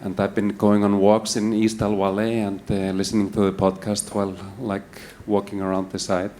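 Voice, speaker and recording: A man's voice: on the low side, completely flat delivery, normal speed, mellow, a little hiss or hum. A man asking a long, hesitant question from the audience at a live event. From Iceland. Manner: rambling, hesitant, full of fillers.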